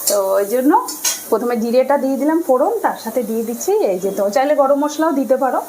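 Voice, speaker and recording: Woman, high voice, chatty cooking vlog, home kitchen. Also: fast, warm tone, a little hiss or hum, low-quality recording. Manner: chatty, talks to viewers while cooking. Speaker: cooking vlogger. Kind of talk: casual cooking narration. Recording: kitchen clatter behind voice.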